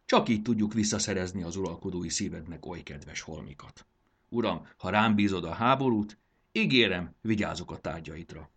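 A man's voice: deep voice, lively intonation, fairly bright tone, slightly rough, full character voice. A man reading a storybook aloud and voicing a cool, calculating male chief servant who speaks politely and measuredly.

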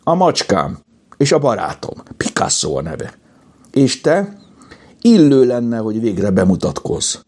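Earnest prim child, raised lively voice, a bit husky, done by a man. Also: mid-range voice, pitched above the performer's own voice.

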